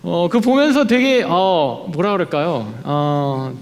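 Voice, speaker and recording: A man's voice: on the high side, lively intonation, slow pace. A man in his late thirties, a youth pastor, giving a chatty, self-deprecating sermon full of fillers and restarts. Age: late 30s. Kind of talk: conversational sermon. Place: church sanctuary. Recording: long hall reverb.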